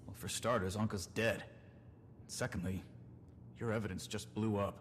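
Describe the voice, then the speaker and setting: A man's voice: fairly low pitch, steady tone, normal speed, lightly acted. An actor playing a stern, by-the-book lawman in a video game. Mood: stern, resolute. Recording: long reverb, faint background noise.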